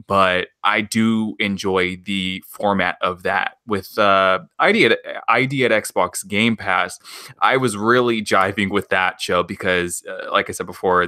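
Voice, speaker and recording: A man talking as a podcast guest in casual chat, pausing often with ums and uhs. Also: sits low, bright, forceful tone, dry recording, clean studio sound. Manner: hesitant, many ums and uhs.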